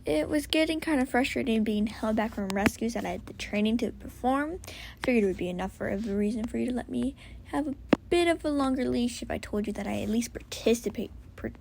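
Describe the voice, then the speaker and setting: A woman voicing an earnest, sheepish young male firefighter, spoken louder than her whispered narration. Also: a little high, fairly quick, gravelly, background noise.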